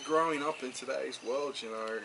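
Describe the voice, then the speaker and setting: A man hosting a relaxed conversation, rambling and chatty with lots of fillers. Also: medium pitch, moderate pace, creaky. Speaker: host. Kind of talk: casual conversation. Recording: noticeable background noise.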